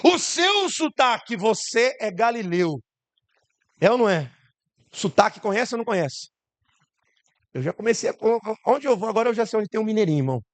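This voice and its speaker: A Brazilian man preaches a sermon in a notably high voice. He keeps asking the congregation rhetorical questions and briefly acts out the people he quotes. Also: sing-song, quick pace, long pauses.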